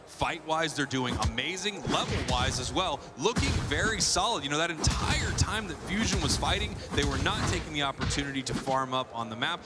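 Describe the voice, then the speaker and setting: Male esports caster, fairly high voice, emphatic analytical commentary, loud music behind.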